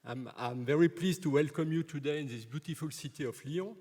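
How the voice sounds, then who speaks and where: Man, formal conference welcome, halting repeats, fairly high voice, long hall reverb. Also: warm tone. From France. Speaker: conference co-chair, professor.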